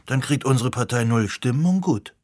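Brief: man reading excitable young organizer, higher and quick, dry close sound. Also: dry recording, lightly acted. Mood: eager.

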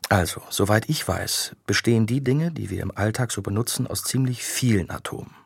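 A curious young woman who teases and questions in quick little bursts, read by a man. The voice stays low and slightly husky, recorded close and dry like an audiobook. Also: dry recording. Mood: teasing.

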